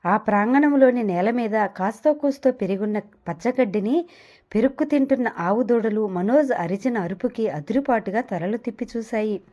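Woman narrator, audio novel, scripted storytelling, fairly high voice, mellow tone. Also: normal speed, dull audio. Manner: steady storytelling.

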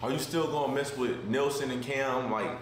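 A basketball player in his twenties chats casually for a vlog in a living room with a kitchen behind him, his voice medium-pitched and moderately paced. He's laid back, full of slang, and ends lines with "bro." The room is very echoey, with a faint hiss.

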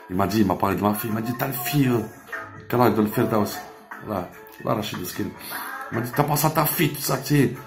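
Gravelly guy rambling on, emotional, swears a lot, tosses in arabic religious phrases, faint music under it. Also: fairly low pitch. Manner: mixes in Arabic religious expressions. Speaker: vlogger. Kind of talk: casual storytelling monologue.

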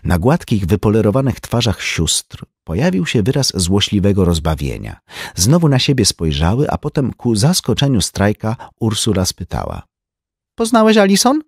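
A man narrating an audiobook, his pitch rising and falling freely as he tells the story. The delivery is expressive and measured. The recording is dry and close. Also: vocal fry, husky, no room sound. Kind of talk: scripted narration.

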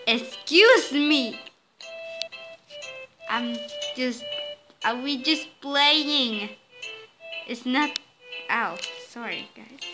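Excitable woman gaming host, unhurried, squealy outbursts over game music. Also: on the high side, low-quality recording. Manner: excitable, bursts into squeals and complaints while playing. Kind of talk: casual game commentary.

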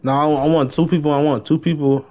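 Fast-talking, with a fairly high pitch, level tone, and dark timbre, a young American livestreamer plays a roleplay game. He keeps the slangy chat casual and repeats short phrases, all on a dull, noisy game-stream mic.

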